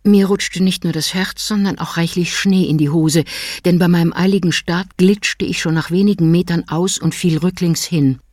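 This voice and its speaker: A woman reads a story in an even, storytelling manner, her voice sitting slightly low. The recording is dry and close, with no room sound. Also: moderate pace, dry recording. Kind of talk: scripted audiobook narration.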